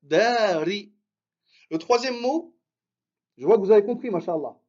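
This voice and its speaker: A man's voice: high voice, animated, fairly quick, warm tone, highs cut off. A man teaching Arabic reading in a live online lesson, patiently sounding out syllables and praising his students by name.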